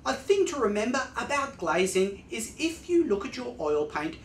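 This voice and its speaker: Lively male painting instructor, roomy studio. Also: extremely high pitch, normal speed, slight background noise. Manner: lively, explanatory, enthusiastic about technique. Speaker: art instructor. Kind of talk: painting tutorial narration. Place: indoor art studio with easel.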